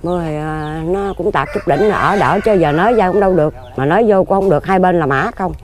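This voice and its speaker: A woman's voice: lowish voice, brisk, a little mellow. A woman in her fifties with a Southern Vietnamese accent, talking plainly and at length as an interviewee. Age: 50s. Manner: plain-spoken, rambling and earnest. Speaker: interviewee, lottery ticket seller. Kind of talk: casual interview. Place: outdoors among graves.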